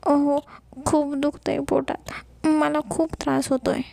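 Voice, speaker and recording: A woman's voice: high-pitched, level tone, takes it slowly, gravelly, dry recording, full character voice. Woman playing a shy tearful young wife. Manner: soft, whiny, tearful.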